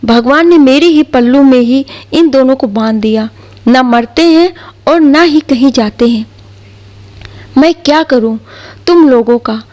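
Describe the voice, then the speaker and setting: A woman's voice: sits high, a little slow, darkish tone. A woman voicing a bullying young sister-in-law who scolds harshly. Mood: scolding.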